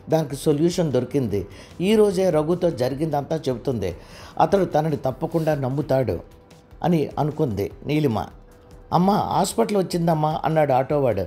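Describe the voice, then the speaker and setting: Male audiobook storyteller with a warm, soft-edged tone, a touch high, voicing all the characters himself. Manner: reads every character's lines in his own voice. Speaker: audiobook narrator. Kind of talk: storytelling narration with voiced dialogue.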